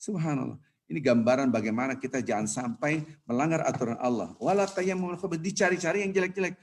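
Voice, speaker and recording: A man preaching in a mosque in a lively, colloquial way, reciting Arabic scripture and acting out the people in his examples. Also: mid-range voice, fast talker. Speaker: Islamic preacher. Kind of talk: casual preaching.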